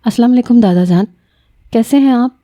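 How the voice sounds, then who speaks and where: A woman's voice: warm tone, no echo, clean studio sound, close to an everyday voice. A woman voicing a frightened, tearful young female student who pleads in a raised voice. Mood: hesitant. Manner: pleading, breathless, higher voice.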